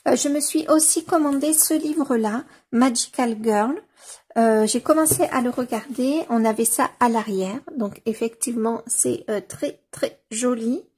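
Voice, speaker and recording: A woman casually leafing through a coloring book on camera, gushing over the pages with many fillers and slowly sounding out titles. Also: fairly high pitch, darkish tone, breathy edge. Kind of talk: casual flip-through commentary.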